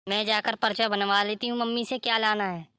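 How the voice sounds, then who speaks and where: A woman's voice: medium pitch, steady tone, brisk, bright, forceful tone, clean tone, no room sound, studio quality, natural voice. A woman voicing a kind, supportive young sister-in-law in a cartoon story. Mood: reassuring. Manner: reassuring, kind.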